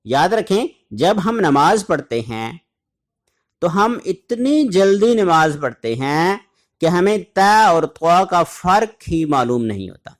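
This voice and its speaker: A man from Pakistan teaching a tajweed lesson, repeating syllables slowly and deliberately and chanting short recitation examples. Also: sits high, very animated. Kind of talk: tajweed lesson, drilling letter sounds.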